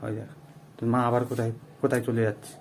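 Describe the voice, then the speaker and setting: A man playing a father in a family vlog, coaxing and gently lecturing his daughter. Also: medium pitch, level tone, very fast, vocal fry, a little hiss or hum. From Bengal. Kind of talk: scripted family drama vlog.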